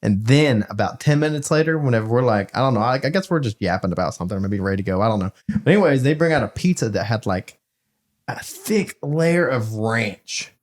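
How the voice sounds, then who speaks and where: A man's voice: medium pitch, fairly quick. A young man, co-hosting a podcast and telling jokey stories in casual chat. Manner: joking, animated storytelling. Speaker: podcast co-host.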